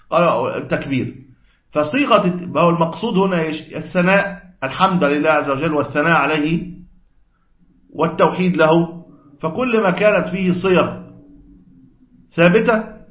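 A man teaching a religious law lesson, explaining step by step and correcting his own wording as he goes, on a dull, echoey lo-fi recording. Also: fairly high pitch. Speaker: sheikh teaching Islamic law. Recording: echoey room, dull lo-fi sound.

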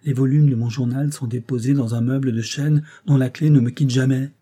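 A frightened, fussy older nobleman, as a male reader puts him on, his voice pushed up high and loud with alarm. He pleads and frets in an agitated rush, with a dark, husky undertone. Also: fairly even intonation, brisk, lightly acted.

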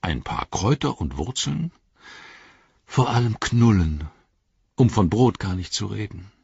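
A sturdy hobbit servant, as a male audiobook reader plays him, deep and husky, speaking bluntly and grumbling. The dry, dull recording sits close and lo-fi. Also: very animated, measured pace, darkish tone, no room sound, full character voice. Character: stout-hearted gruff male hobbit servant. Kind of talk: audiobook character voice.

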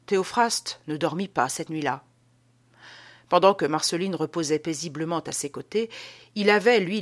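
A woman with a slightly low voice reads a classic novel as an audiobook. Her narration is measured and expressive, shaping each sentence with care.

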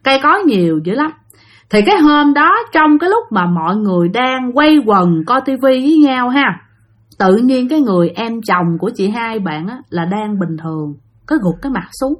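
Chatty Southern Vietnamese woman telling ghost stories. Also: fairly high pitch. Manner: chatty, addresses listeners directly. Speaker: storyteller host. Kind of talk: casual spoken ghost-story narration.

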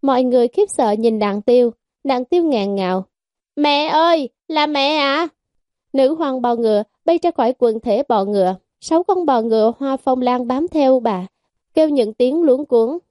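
A woman giving steady, scripted audiobook narration of a fantasy novel. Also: fairly high pitch, normal speed, no room sound, studio quality. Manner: steady storytelling.

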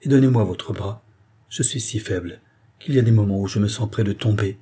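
A man's voice: fairly low pitch, brisk, warm tone, breathy edge. A man voicing a haughty, imperious queen in an audiobook, speaking in a commanding and indignant way. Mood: faltering.

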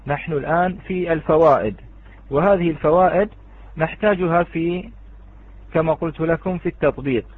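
A man teaching Quran recitation rules in an online lesson, patiently repeating words slowly as he explains. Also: a little high, husky, dry recording. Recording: phone-like online audio.

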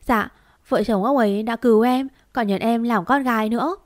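A woman voicing a humble, kind young village woman who speaks politely and gently. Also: on the high side, normal speed, no room sound, clean studio sound, natural voice. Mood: gentle.

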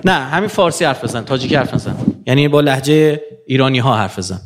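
A man giving a lecture to an audience, animated, swinging from low murmurs to emphatic rising peaks. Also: noisy background.

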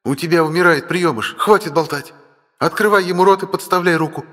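A man's voice: medium pitch, fairly quick, voice pushed up, close to an everyday voice. A man voicing a young male dragon, a stern and curt older brother, in an audiobook. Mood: commanding. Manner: curt and commanding. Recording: long hall reverb.

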